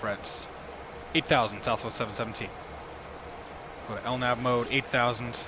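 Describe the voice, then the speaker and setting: A livestream host, hoarse and losing his voice, gives casual commentary while flying a simulator. His medium-pitched voice stays steady at a normal speed as he talks himself through cockpit steps and chats with viewers over a noisy background.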